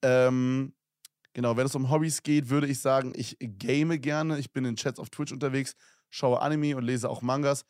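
A man's voice: mid-range voice, fairly even intonation, normal speed, darkish tone, no echo, clean studio sound. A young man co-hosting a casual podcast, reading listener messages aloud with slang and laughs. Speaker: podcast co-host.

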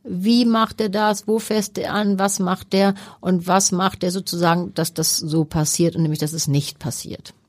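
A woman sex therapist co-hosting a podcast, explaining her approach in relaxed, searching sentences with fillers. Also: fairly low pitch, moderate pace, hardly any pauses, no echo, clean studio sound. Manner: explanatory, thinks aloud with fillers. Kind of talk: casual podcast chat.

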